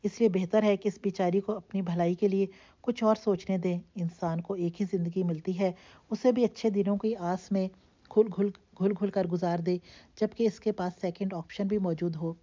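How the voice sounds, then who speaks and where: A woman's voice: medium pitch, close to an everyday voice. A woman voicing a blunt, needling young man. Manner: flat, pointed, needling tone. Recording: dull lo-fi recording.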